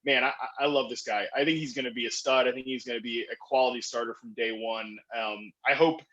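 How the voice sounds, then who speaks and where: A man's voice: mid-range voice, highs cut off. A man speaking as a guest analyst on a podcast, talking enthusiastically with lots of fillers and restarts. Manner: excitable, fast talker with frequent fillers and restarts. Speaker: fantasy football analyst guest.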